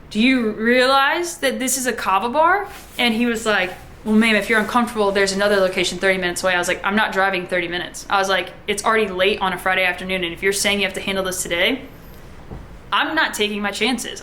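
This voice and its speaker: A young woman talks straight to her audience in a loose, rambling storytelling style, restarting sentences and acting out both sides of a conversation. Her voice is bright and forward, sitting at an ordinary middle pitch, with a faint hum of room ambience behind her. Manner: chatty, heavy use of "like", many restarts, acts out quoted dialogue. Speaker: vlogger telling a personal story. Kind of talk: casual storytelling to camera.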